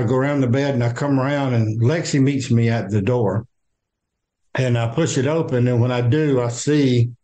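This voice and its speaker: Halting older Southern man, interviewee. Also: mid-range voice, dark tone. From American South. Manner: halting, many fillers and restarts. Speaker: guest. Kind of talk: interview, personal account.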